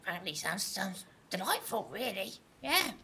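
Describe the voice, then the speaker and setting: A woman's voice: medium pitch, sing-song, normal speed, creaky, pushed and bright, slight background noise, heavily acted. A woman playing an affronted, wordy goblin with a pointed, dry delivery in a tabletop game. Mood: dry acceptance. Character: affronted, articulate goblin survivor.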